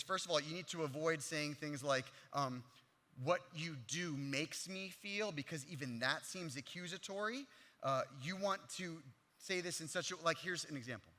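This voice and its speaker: A man delivers a sermon as a pastor, talking plainly and earnestly, as if chatting with the congregation. His voice sits a bit high and rings bright and forceful. A long reverb trails each phrase through the large hall. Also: normal speed. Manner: earnest, plain-spoken, animated, with conversational fillers. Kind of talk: conversational sermon.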